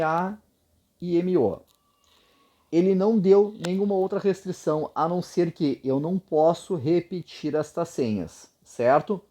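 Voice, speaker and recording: A man's voice: on the high side, warm tone. A man, patiently explaining combinatorics step by step and often checking in with short tag questions. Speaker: math tutor.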